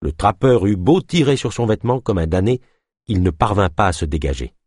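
A man narrating an audiobook in a lively, expressive storytelling manner. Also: lowish voice, brisk, no room sound, clean studio sound.

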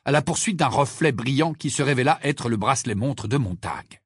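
A man reading a novel aloud as an audiobook narrator, with expressive storytelling. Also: medium pitch, brisk, husky, no echo, studio quality. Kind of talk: scripted narration.

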